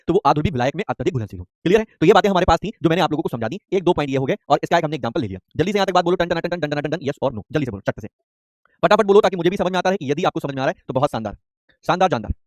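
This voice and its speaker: A man with a rather high voice teaches chemistry at a rapid-fire pace in a live online class, repeating terms over and over and quizzing students with quick call-and-response questions. The audio is close and dry, with no room echo.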